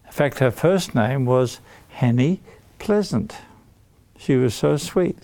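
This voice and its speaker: A man telling a story to children, explaining things simply and deliberately. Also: medium pitch, expressive, gravelly, mellow, no echo.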